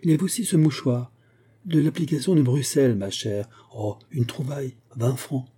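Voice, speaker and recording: A man voicing an excitable middle-aged woman shopper who eagerly shows off her purchases. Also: mid-range voice, normal speed, husky, lightly acted. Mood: excited.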